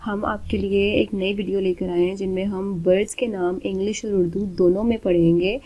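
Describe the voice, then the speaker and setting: A woman teaching bird names, saying each word twice in a loud, emphatic voice. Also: medium pitch, steady tone, fairly quick, muffled recording. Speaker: vocabulary teacher. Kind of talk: slow vocabulary lesson.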